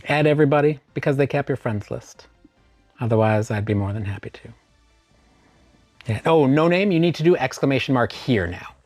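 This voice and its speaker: A man's voice: mid-range voice, dry recording. A man hosting a casual live stream, greeting viewers by name and spelling out chat commands.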